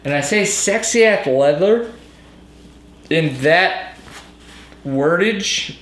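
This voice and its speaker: A man's voice: fairly high pitch, expressive, a bit bright. Tipsy, rambling man reviewing gear in an echoey room. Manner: tipsy, loose rambling speech with drawn-out emphasis; casual swearing and slangy exclamations. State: mildly drunk. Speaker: product reviewer. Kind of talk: casual rambling review to camera. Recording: echoey room with faint background noise.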